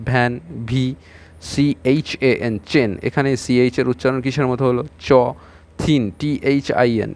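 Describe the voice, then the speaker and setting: A man's voice: mid-range voice, a little mellow. A man with a West Bengal Bengali accent teaching an English lesson in Bengali. He spells words out letter by letter, explains patiently and puts questions to the class. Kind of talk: exam-prep English lesson taught in Bengali.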